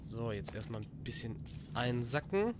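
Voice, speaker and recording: Jumpy, slow-talking man commenting on a game. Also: mid-range voice, big pitch swings, background noise. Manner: jumpy, swearing, talks to himself, reads documents aloud. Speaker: let's play commentator. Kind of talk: casual gameplay commentary.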